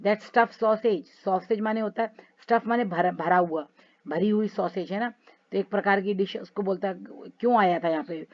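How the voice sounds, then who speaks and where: A woman teacher reads each English line of a play slowly and with feeling, then unpacks it in plain conversational Hindi for her students. Her voice sits at an ordinary middle pitch. The recording is dull and a little lo-fi. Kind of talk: Hindi-English literature lesson, reading and explaining a play.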